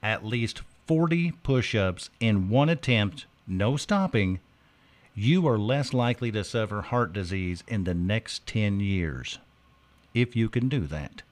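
Lively self-mocking radio co-host. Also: male voice, on the low side, slow pace. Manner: joking, self-mocking, playful teasing. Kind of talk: casual morning radio banter.

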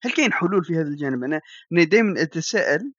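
A man's voice: a little high, expressive, rapid-fire, a bit bright, lo-fi sound. A man interviewing a guest, asking short, probing questions.

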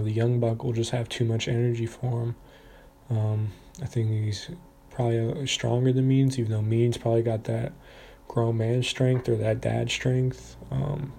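Hesitant man with a gravelly voice. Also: medium pitch, warm tone, slight background noise. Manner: hesitant, many fillers and restarts, self-deprecating. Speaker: fight predictions commentator. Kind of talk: casual fight preview monologue.

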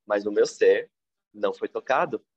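A man with a Brazilian Portuguese accent, a podcast guest telling a personal story in a reflective, animated way. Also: moderate pace, muffled recording. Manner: animated, reflective storyteller with big pitch swings.

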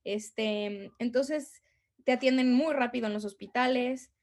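A woman's voice: a little high, unhurried, a little mellow. A Mexican woman talking as a guest on a podcast, in a chatty way with many fillers and restarts. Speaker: guest, tour guide. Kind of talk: casual podcast conversation.

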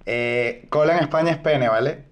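A man's voice: mid-range voice, moderate pace, a crowd in the background. A man with a Venezuelan accent, a podcast co-host telling a comic anecdote and acting out the people in it. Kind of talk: casual comedic storytelling.

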